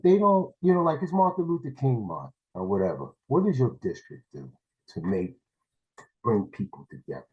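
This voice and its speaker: A man's voice: fairly low pitch, a little mellow, muffled recording. A man from New City, giving a rambling, blunt public comment over a video call as a parent. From New York City.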